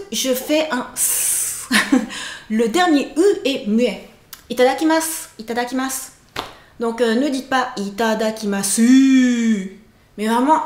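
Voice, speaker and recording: A woman teaching a casual video lesson, playful and expressive, stretching out her sample words. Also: high-pitched, roomy sound. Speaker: Japanese language teacher.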